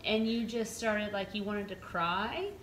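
A woman telling a funny story in a casual chat, acting out the lines of others with lively mimicry. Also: measured pace, roomy sound, slight background noise, rough recording. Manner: animated, mimics others in a higher voice. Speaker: storyteller recounting events.

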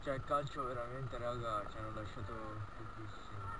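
A teenage motovlogger chats casually inside his motorcycle helmet while riding a moped outdoors through town traffic. His medium-pitched voice moves fairly quickly. The action camera's built-in microphone is used with no external mic, so loud engine and wind noise come through on the poor audio.

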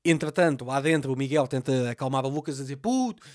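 Portuguese comedian guy from lisbon, quick talker, sarcastic and crude, acts out scenes, dead dry sound. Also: medium pitch, fairly even intonation, darkish tone, no room sound. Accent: European Portuguese, Lisbon. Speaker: comedian recapping a TV series. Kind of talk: comic commentary.

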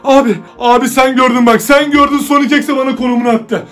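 A man vlogging casually, brash and taunting, talking in slang with excitable energy. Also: extremely high pitch, brisk, soft background music. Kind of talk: casual horror-challenge vlog.

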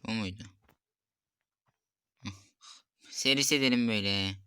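A young man comments on a cooking game in an unhurried, drawn-out way. His voice sits a little low but has a bright, sharp edge. He mutters, reads the recipe steps aloud and grows openly exasperated when things go wrong. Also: clean tone, no room sound. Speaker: gameplay streamer. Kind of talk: casual gameplay commentary.

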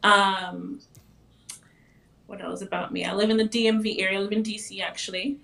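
A woman from Jamaica with a slight Jamaican accent, a relaxed, self-deprecating panel guest on a video call. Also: medium pitch, moderate pace, gravelly. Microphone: video call webcam.

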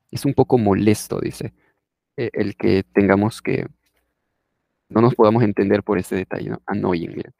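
A man's voice: on the low side, gravelly, warm tone, dry recording, clean studio sound. A man teaching an English class who explains in a conversational way and often checks in with his listeners. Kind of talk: explaining a lesson.

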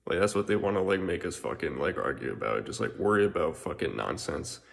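Deep, creaky-voiced man; rambling, filler-heavy, profane monologue. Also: very animated, fairly quick. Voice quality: frequent filler words and swearing, repetitive. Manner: meandering, restarts, occasional laughs.

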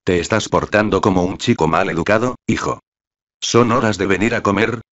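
A man's voice: lowish voice, fairly even intonation, moderate pace, fairly bright tone. A man reading a coldly polite astronomer. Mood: measured. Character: astronomer father, middle-aged man, strict. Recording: dull lo-fi audiobook recording.

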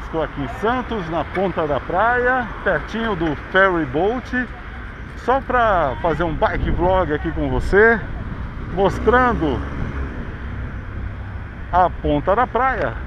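A Brazilian man with a high, expressive voice rides his bike through a city and narrates slowly, chatting like a tour guide as he points out sights along the way. He's a vlogger with a Brazilian Portuguese accent, recorded outdoors on a handlebar-mounted action camera, so the audio is dull and full of street noise.

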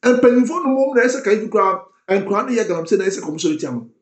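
A man's voice: high-pitched, racing. A man with a Ghanaian accent giving political commentary as an online show host, mixing English and Twi with emphatic delivery. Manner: switches between English and Twi, animated and emphatic. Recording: roomy echo.

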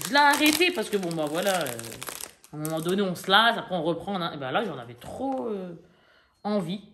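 In this casual haul vlog, a chatty forties-aged woman shows viewers what she bought, speaking straight to them with plenty of fillers and side comments. Her mid-range voice is sing-song, fairly quick and fairly bright, and there's a slight hiss or hum on the recording.

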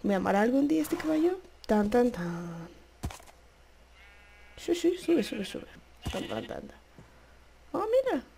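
A woman's voice: on the high side, big pitch swings, a little slow, vocal fry, pauses often, mellow. A woman giving casual, chatty commentary while playing a game, playfully coaxing the animals. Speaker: gamer. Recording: noisy home recording.

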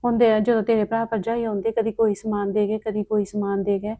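A woman's voice: mid-range voice, level tone, a little fast, mellow. A woman playing an older sister who feels neglected, sulky and aggrieved. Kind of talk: village drama acting.

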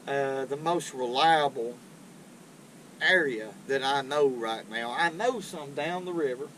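A man's voice: medium pitch, a little hiss or hum, rough recording. An older man with a drawl, hosting a fishing show and explaining tackle in a rambling, folksy way from a small boat on a river. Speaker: fishing channel host. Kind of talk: casual fishing how-to talk. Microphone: action camera on the boat.

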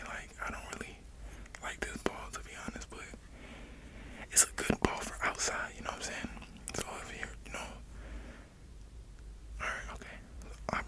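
A young man in a whispered role-play as a salesman, whispering slangy, chummy sales patter close to the microphone. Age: young adult. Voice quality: whispered, unvoiced. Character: chummy, casual street salesman. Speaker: ASMR creator playing a ball salesman. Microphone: close desktop microphone.

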